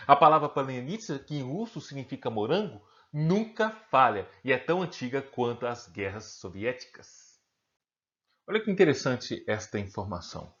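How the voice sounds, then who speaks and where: The audio is dull, and the man's voice sits on the high side, carrying a Brazilian Portuguese accent. He teaches an online lesson on recording, answering questions he puts to himself and checking in with the viewer again and again.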